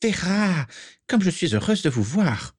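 A man doing a sorrowful old lady speaking from a magic portrait in a storybook reading. Her voice is soft, gentle and raised well above his own. The recording is close and dry. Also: on the high side, animated, fairly quick, dry recording, voice pushed up. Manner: mournful, gentle.

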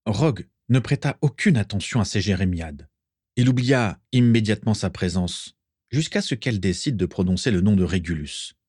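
Low-voiced man reading a story. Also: animated, normal speed, darkish tone, breathy edge, no room sound, studio quality. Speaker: narrator. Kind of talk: audiobook reading of fan fiction.

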